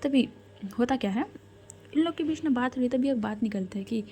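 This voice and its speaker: A woman's voice: on the high side, expressive, normal speed, mellow, a little hiss or hum. A woman telling a love story in a chatty, casual way, talking straight to her listeners. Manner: chatty, addresses listeners directly.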